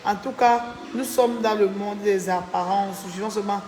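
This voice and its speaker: A woman's voice: mid-range voice, fairly even intonation, moderate pace, a little mellow, echoey room, big-room sound, a little hiss or hum. A tired woman chatting on a live stream, thanking viewers by name and venting about a falling-out. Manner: chatty, reads out viewer names, indignant. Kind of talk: casual live-stream chat.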